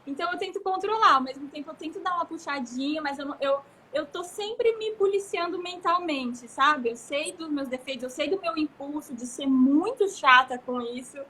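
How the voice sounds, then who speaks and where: High, bright-voiced expansive Brazilian woman. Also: moderate pace, few pauses, a little hiss or hum. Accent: Brazilian Portuguese. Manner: expansive, gesturing, animated storytelling. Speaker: guest. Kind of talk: casual live conversation.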